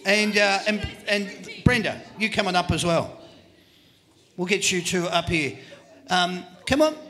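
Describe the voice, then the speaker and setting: An Australian man hosting a live quiz at a venue, energetic and joking as he hurries contestants along. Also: high-pitched, unhurried. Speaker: quiz host on a live footy panel show.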